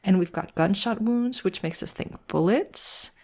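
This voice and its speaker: A woman's voice: mid-range voice, a little slow, vocal fry, darkish tone. A woman teacher walks through editing a text step by step, asking questions aloud and answering them herself. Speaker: writing teacher. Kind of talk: walkthrough editing lesson.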